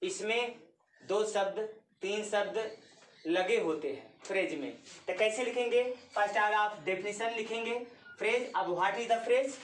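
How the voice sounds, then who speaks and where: A woman teaches grammar to a class and spells out each definition slowly. She poses questions and answers them herself. Her voice comes from some distance away in a roomy, echoing space. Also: mid-range voice. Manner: dictates definitions slowly, repeating each word. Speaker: English teacher. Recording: roomy sound from a mic at a distance.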